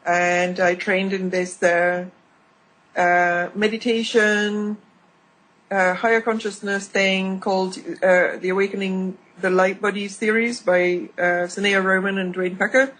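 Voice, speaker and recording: A woman's voice: medium pitch, steady tone, a little slow, a bit bright, poor audio. A woman guest on an informal radio chat, explaining ideas patiently with lots of fillers. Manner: explanatory, laughs easily, many fillers.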